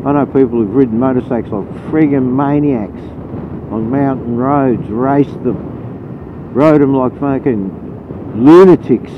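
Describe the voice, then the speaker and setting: An Australian motorcycle vlogger rides along giving blunt, casual, meandering commentary, his mid-range voice unhurried. Inside the helmet it sounds muffled and narrow-band, buried under loud engine, wind and road noise.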